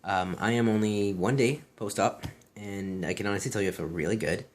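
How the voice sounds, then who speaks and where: A man's voice: on the low side, fairly quick. A man talking casually and earnestly in a personal vlog, repeating himself and often saying "you know".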